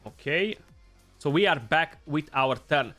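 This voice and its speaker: The young gaming YouTuber with a Romanian accent talks a little slowly here, his slightly high voice fairly bright with lively intonation. He thinks aloud through casual gameplay commentary, often saying "you know," over soft background music.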